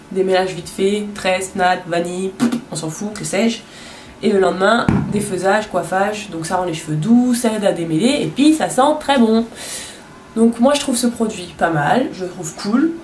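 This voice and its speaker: A woman's voice: mid-range voice, unhurried, distant mic, noisy background. A young woman vlogging from her bathroom in a chatty, crude, self-mocking way. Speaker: beauty vlogger. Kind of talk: casual chat. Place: home bathroom. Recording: echoey bathroom, off-mic.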